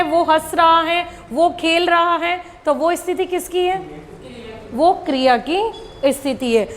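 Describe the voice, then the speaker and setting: A woman's voice: very high voice, big-room sound, slight background noise. A woman teaching a grammar lesson, asking questions and answering them herself.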